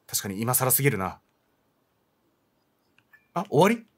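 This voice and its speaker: Male game streamer, excitable and loud, lively pitch. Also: unhurried, slightly rough. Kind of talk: let's play commentary.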